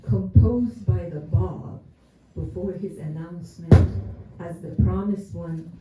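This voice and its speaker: An event host in his seventies from the United States reads a prepared, dryly humorous introduction for a speaker at a community gathering. His high voice moves at a slow pace, sounding phone-quality over loud music. The mic is distant, the room roomy, with faint noise.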